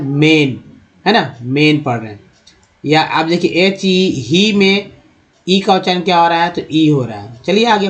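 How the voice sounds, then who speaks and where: A man teaching English pronunciation in a lesson, speaking slowly, spelling out letters and asking his viewers questions. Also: high voice. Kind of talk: Hindi-language pronunciation lesson.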